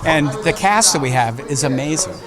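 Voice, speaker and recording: A man's voice: a little high, lively intonation, moderate pace. Man explaining a project amid crowd noise. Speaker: audio drama producer being interviewed. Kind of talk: explanatory interview talk. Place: busy convention. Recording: busy crowd noise around the voice. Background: crowd chatter.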